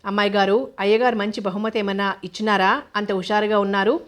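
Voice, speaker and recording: A woman's voice: mid-range voice, flat delivery, fast talker, close to an everyday voice. Woman reading as a cheeky rustic housemaid. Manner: rustic colloquial speech. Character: a cheeky, nosy female house maid.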